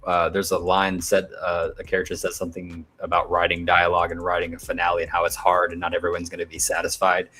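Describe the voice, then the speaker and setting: A man with a very low, husky voice chats casually. He is blunt and opinionated, with plenty of swearing as he rants. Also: monotone, quick pace, few pauses, pushed and bright, soft background music. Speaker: co-host. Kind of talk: casual chat.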